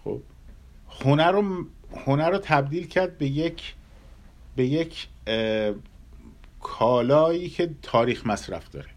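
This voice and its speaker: A man giving a measured lecture on Persian classical music, pausing often and sometimes humming melodies to illustrate. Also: fairly high pitch, animated, a little mellow. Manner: hums and scats melodies to illustrate; measured, thoughtful delivery with pauses.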